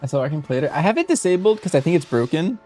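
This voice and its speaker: A man's voice: on the high side, sing-song, fast talker, a little mellow, faint music behind. A man casually chatting with viewers and answering questions as he streams a game. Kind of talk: casual chat with stream viewers while gaming.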